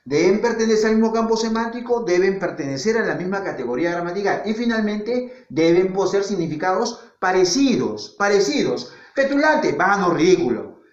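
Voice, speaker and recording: A man's voice: high-pitched, very animated, moderate pace, hardly any pauses. A male teacher giving a classroom lesson, asking questions aloud and answering them himself, repeating key words for emphasis. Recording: echoey, dull lo-fi classroom recording.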